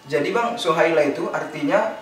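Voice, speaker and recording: A man voicing his calm young wife as she explains things matter-of-factly. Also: on the high side, moderate pace, faint music behind, close to an everyday voice. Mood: explaining. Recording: very echoey room, distant mic.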